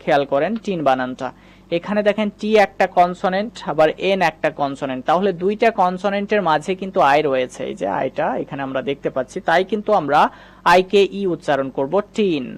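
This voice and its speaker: A man's voice: sits high, fast talker. A man teaching English spelling sounds in a patient, step-by-step spoken lesson, repeating each rule. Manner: patient, repetitive, explains step by step.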